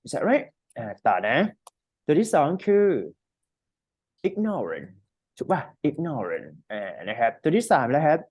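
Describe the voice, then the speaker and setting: Lively man tutoring English. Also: a little high, takes it slowly, husky, no room sound. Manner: explains with many fillers and checks. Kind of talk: casual one-on-one lesson.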